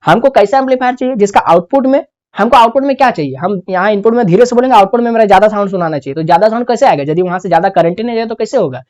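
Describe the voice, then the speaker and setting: Male teacher dictating slowly. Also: sits high, expressive, darkish tone. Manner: asks the class questions and answers them himself; slows down to dictate terms word by word. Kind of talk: classroom lecture while writing notes.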